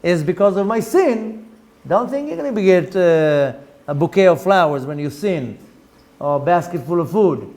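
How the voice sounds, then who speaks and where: A middle-aged man with an Israeli accent, his voice sitting high, teaches the Zohar as a rabbi in a Torah lesson. He moves quickly through the Hebrew text and explains it in English with spirited rhetorical questions.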